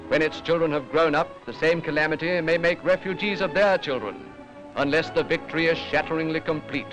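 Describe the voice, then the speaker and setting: Old newsreel commentator, male, formal and grave, slightly high voice, music bed behind. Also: brisk, rough recording. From Britain. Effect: old newsreel recording. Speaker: newsreel narrator.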